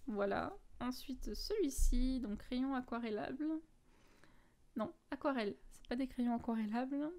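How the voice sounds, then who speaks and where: A woman's voice: on the high side, darkish tone. A woman from France talking casually through her finished coloring pages, listing her art supplies with lots of fillers and self-corrections. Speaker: coloring book vlogger.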